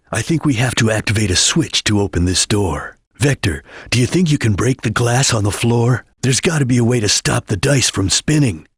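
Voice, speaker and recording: An actor playing a serious, disciplined chameleon ninja detective in a video game, husky and terse, speaking in measured lines. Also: male voice, fairly low pitch, dry recording, clean studio sound.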